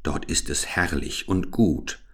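Proud homesick reindeer, deep and longing, a man reading it. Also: takes it slowly, husky, full character voice.

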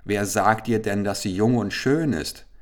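A man voicing a young caliph who has been turned into a stork, speaking in an excited, urgent way in a storybook reading. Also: on the low side, a little slow, natural voice. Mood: eager.

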